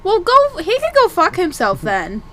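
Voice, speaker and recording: A woman guest on a podcast, blunt and quick to laugh, swearing freely in casual banter. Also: extremely high pitch, wildly swooping pitch, a bit bright.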